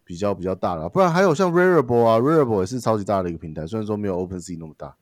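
A man's voice: on the low side, expressive, rapid-fire, no room sound, clean studio sound. A man co-hosting a podcast in casual discussion, questioning and rephrasing the points. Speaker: podcast co-host.

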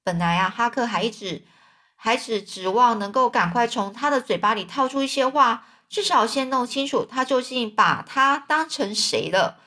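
A woman's voice: a little high, lively intonation, normal speed, sharp tone. A woman, reading a children's story aloud in a chatty way and explaining words as she goes.

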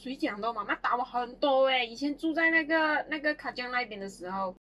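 A woman's voice: sits high, a little fast, a bit bright. A young woman, animatedly telling childhood stories in a casual chat and laughing often. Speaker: podcast co-host.

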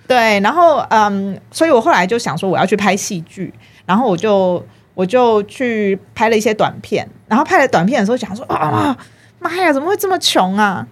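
A woman, a film marketing producer chatting as an interview guest and telling animated stories about her work. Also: mid-range voice, fairly quick. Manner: animated storytelling, acts out her own past thoughts. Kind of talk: casual interview chat.

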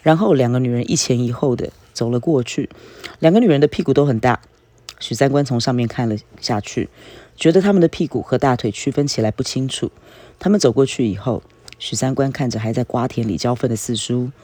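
A man reading a novel aloud as the narrator, in a steady, unhurried way. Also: medium pitch, no room sound. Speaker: reader.

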